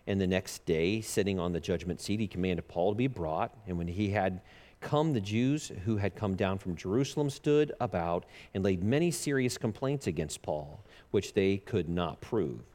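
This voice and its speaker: A man preaching a sermon at a pulpit microphone, earnest and halting with frequent filler pauses. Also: sits low, lively intonation, mellow. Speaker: pastor. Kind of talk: sermon with scripture reading.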